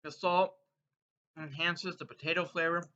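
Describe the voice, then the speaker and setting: A man with a high-leaning, pushed, bright voice hosts a casual snack taste-test vlog, crunching chips between remarks as he playfully announces verdicts to viewers. His intonation stays fairly even at a moderate pace, and the lo-fi recording sounds dull and muffled.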